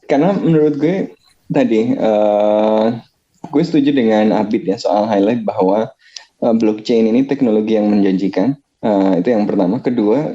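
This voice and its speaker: A man talking in a casual podcast discussion, thinking aloud with many pauses and filler sounds, with an Indonesian accent. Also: on the low side, dark tone, highs cut off. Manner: thoughtful, many hesitations.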